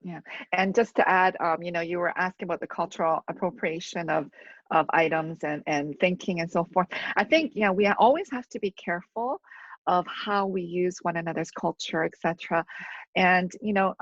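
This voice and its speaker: A woman's voice: on the low side, moderate pace, dry recording, muffled recording. A woman born in Korea and raised in Canada, a theologian talking earnestly about her book in a live online conversation, with many fillers. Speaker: theologian, guest author. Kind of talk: live video-call book discussion. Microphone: video call.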